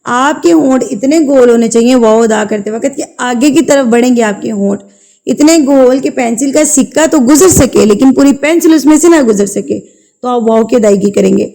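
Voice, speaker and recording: Woman, tajweed teacher, slightly high voice, slow stretched recitation, brisk patient explanations. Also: gravelly, mellow. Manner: recites verses slowly and stretched, then explains rules briskly; patient instructional tone, repeats rule names. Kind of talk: tajweed lesson, slow drawn-out recitation with quick explanations in between.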